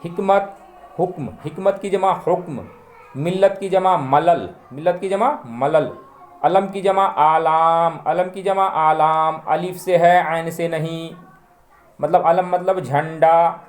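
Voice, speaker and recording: A male teacher works through a grammar lesson, saying each word and its plural and often repeating them for students. His voice sits a little high for a man, and he speaks very slowly and deliberately. The recording carries a noticeable room echo. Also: steady tone. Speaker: language teacher.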